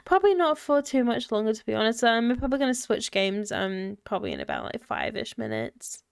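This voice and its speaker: A woman's voice: a little high, very animated, a little fast, vocal fry, smooth, no room sound, clean studio sound. A woman streamer giving casual, chatty let's-play commentary with giggly asides.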